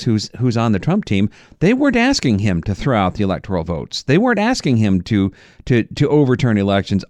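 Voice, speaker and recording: Talk radio host, man, mid-low voice, earnest, steady, dry close studio sound. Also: dry recording. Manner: earnest, steady, frequent "uh" fillers. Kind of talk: political talk radio interview.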